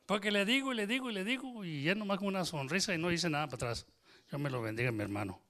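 A pastor with a high, expressive, sharp-toned voice preaches quickly in a small church. His sermon is informal and joking, he banters with the congregation, and he switches into English phrases.

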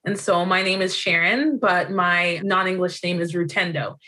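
A woman's voice: fairly low pitch, normal speed, sharp tone, low-quality recording. A woman from Zimbabwe raised in North America, a native Shona speaker, interviewing in a thoughtful, conversational way. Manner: thoughtful, uses "you know" often.

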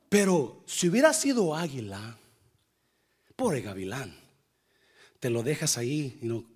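Guy preaching a storytelling sermon, husky, swings quiet to loud, voice jumps all over. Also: medium pitch. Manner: mixes English phrases into Spanish; animated, swings from quiet asides to loud exclamations.

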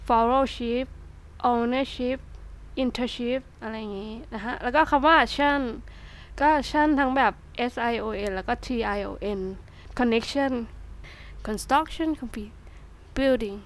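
Young woman, Thai accent, high voice, chatty casual tutor, slow word lists. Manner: chatty, swears casually, lists words slowly. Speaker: English tutor. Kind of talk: casual vlog-style English lesson.

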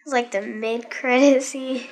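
High-voiced, unhurried woman co-host. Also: fairly even intonation, faint music behind. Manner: halting, full of fillers and restarts. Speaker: podcast co-host. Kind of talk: casual movie-review chat.

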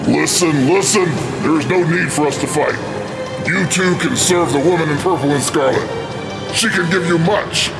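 Reedy, coaxing tower demon. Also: male voice, on the high side, normal speed, creaky. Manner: wheedling, growing agitated. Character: shrieking winged male demon in tower, tempting. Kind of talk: audio drama acting. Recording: with music and distant.

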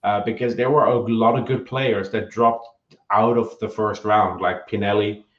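Guy on a roomy muffled call, lots of ums and restarts, lowish voice. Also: steady tone, normal speed, a bit bright. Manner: hesitant, many ums and restarts. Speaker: guest analyst. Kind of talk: casual hockey podcast chat. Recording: echoey, dull lo-fi remote audio.

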